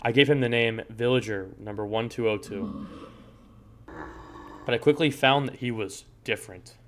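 A grim villager slowly succumbing to infection, as a man reads his lines aloud. The voice is low and hushed, with a clear, bright edge to its tone. It sounds weary and doomed throughout. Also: a little hiss or hum, lightly acted. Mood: somber.

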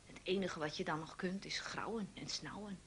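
A woman narrating a story for children, gently asking the young listener questions. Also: lowish voice, moderate pace, slight background noise.

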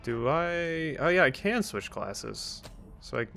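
A fairly high-pitched man speaks slowly in a sing-song, gravelly voice that sounds pushed and bright. As a let's play host he offers wry, casual commentary, teases the characters, and reads on-screen text, with video game sounds faint in the background.

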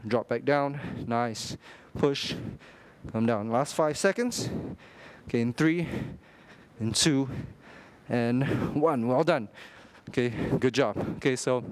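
A young man instructing a workout, energetic, talking in short clipped cues and counts with frequent okays while exercising. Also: mid-range voice, slow. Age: young adult. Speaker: fitness instructor.

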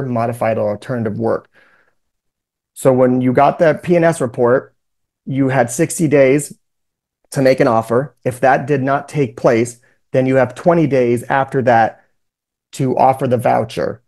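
A man's voice: mid-range voice, a little mellow. A man giving an explanatory webinar lecture on legal rules, mixing formal reading with informal asides, recorded indoors over a video call. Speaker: presenter, workers' compensation lawyer.

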